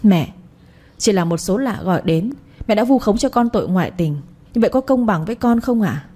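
A woman's voice: mid-range voice, animated, brisk, mellow, natural voice. A woman voicing a young wife who defends herself earnestly and politely. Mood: indignant.

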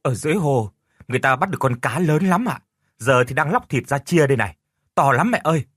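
A man voicing an excitable young adult son in an audio story, talking breathlessly. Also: medium pitch, a little fast, no echo, clean studio sound, voice pushed up. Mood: excited.

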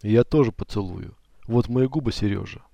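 A man reading the lines of a tearful young mother in an audiobook, softly and hushed. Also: fairly low pitch, normal speed, gravelly, dry recording. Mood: tender.

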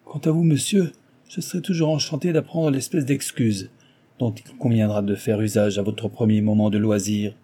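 A man voicing a proud young gentleman who answers insults with cold, defiant politeness. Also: lowish voice, steady tone, moderate pace, natural voice. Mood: icy.

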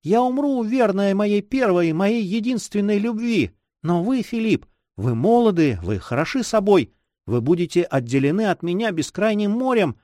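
Male reader doing a timid sixteen-year-old girl, sorrowful and trembling, raised pitch, dry close sound, audiobook. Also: very animated, normal speed, darkish tone, no echo. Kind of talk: audiobook character reading.

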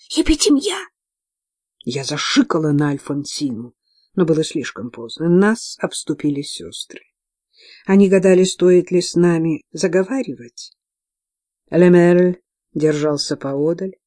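A woman narrating a novel in the first person, measured and even. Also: sits low, no room sound, clean studio sound. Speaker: audiobook narrator.

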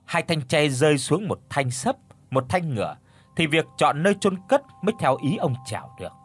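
A man's voice: a little high, big pitch swings, moderate pace, breathy edge, exaggerated voice. A man doing a stern village shaman. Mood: troubled. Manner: instructive, commanding, ritual explanations.

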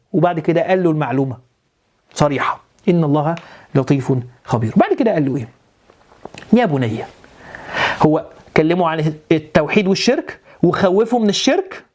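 A man's voice: high-pitched, a little mellow. A man with an Egyptian Arabic accent giving a religious lesson, often repeating phrases and putting rhetorical questions to his listeners. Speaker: preacher.

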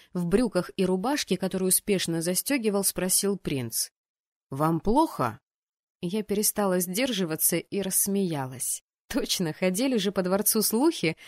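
A woman narrating a first-person fantasy story aloud, acting out the characters' lines with lively changes of voice. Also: dry recording, studio quality. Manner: voices the rowdy students' shouts with bursts of pitch and volume. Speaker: audiobook narrator.

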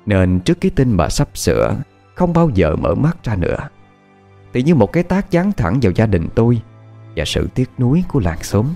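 A man with a Southern Vietnamese accent narrating a horror tale, expressive and dramatic. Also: medium pitch, moderate pace, creaky, faint music behind.

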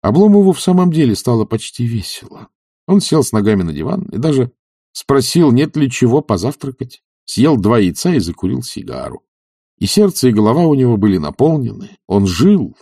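A man narrating a classic novel, reading with theatrical expression and a lively, wide-ranging pitch. His voice is mellow and husky. The recording is close and dry. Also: a little fast, no echo. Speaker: audiobook narrator.

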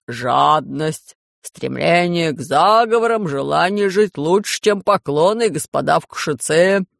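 Man doing a fat smug priest, slow, lecturing, gravelly, dry close sound. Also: a little high, dry recording, exaggerated voice. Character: smug fat male priest, coldly calm.

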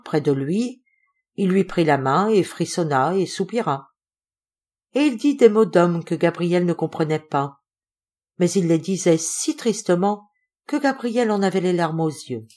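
A woman reads a classic novel aloud as an audiobook narrator. Her voice sits a little low, and she tells the story with expressive, lively phrasing. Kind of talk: audiobook reading.

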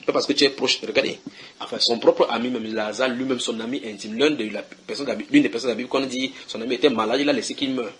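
A man's voice: medium pitch, steady tone, fast talker, fairly bright tone. A man preaching at a house church, reading Bible verses and questioning his listeners in a conversational way.

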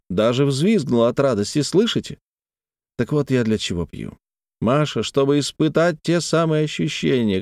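A teasing, ardent young nobleman voiced by a male audiobook reader speaks in a lifted, lilting, animated way. The sound is dry and close, with no room around it. He plays with words, lightly mocking and pleading. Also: medium pitch, dry recording, natural voice. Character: playful, talkative young nobleman in love.

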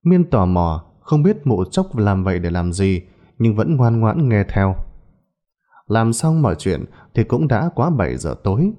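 A man narrating a ghost story in a dramatic, expressive storytelling voice. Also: lowish voice, a little slow, lo-fi sound.

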